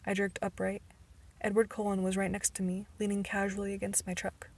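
Amateur female audiobook narrator, breathy tone, flat pitch, stumbles now and then. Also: fairly quick. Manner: occasional stumbles and restarts. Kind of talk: first-person novel narration.

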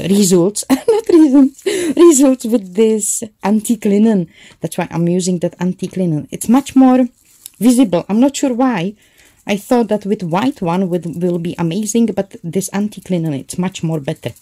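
Slow, mellow-voiced woman crafting. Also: lowish voice, slightly rough, dry recording. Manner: thinks aloud while working, self-correcting. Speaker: craft channel host. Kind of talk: casual crafting tutorial.

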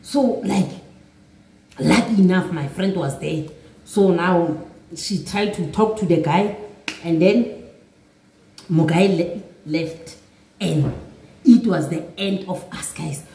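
A woman's voice: on the low side, takes it slowly, gravelly, pauses often, mellow, slight background noise. A woman telling a personal story on her vlog, chatty and often calling out to her viewers. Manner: chatty, repeats "guys" often. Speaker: vlogger. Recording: echoey room, mic at a distance.

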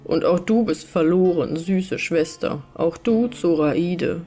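A woman's voice: fairly low pitch, slow pace, dark tone, faint music behind. A woman voicing a desperate young man who pleads with his captor and laments through tears in a storybook reading. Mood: tearful. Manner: pleading, tearful.

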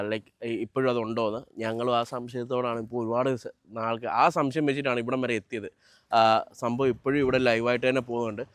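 A man, hosting a casual food vlog from a small roadside eatery, chatting lively to his viewers. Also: mid-range voice, no room sound. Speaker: food vlogger.

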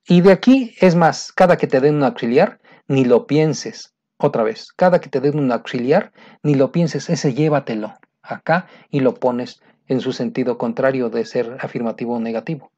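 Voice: medium pitch, moderate pace, dark tone, dull audio. An English teacher explains grammar in a recorded lesson. The teacher is patient and repeats points, often checking that the student is following. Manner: patient, repetitive, keeps checking understanding.

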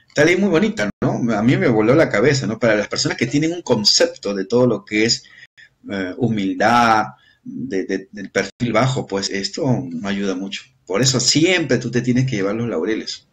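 Peruvian man leading an online seminar. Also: mid-range voice. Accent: Peruvian Spanish. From Peru. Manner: repetitive, addresses listeners directly.

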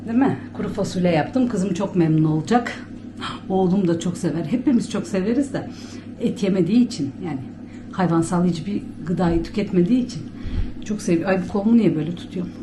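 A vlogger with a Bulgarian Turkish accent chats casually to her handheld camera at home, rambling and laughing often. Her voice sits fairly low and moves fast, and there's noise in the background.

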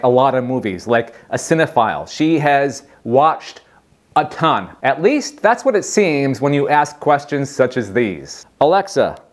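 A man hosting a casual tech demo, amused as he asks a voice assistant questions. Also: medium pitch. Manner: lively, amused, asking the device questions. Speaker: host demonstrating a voice assistant.

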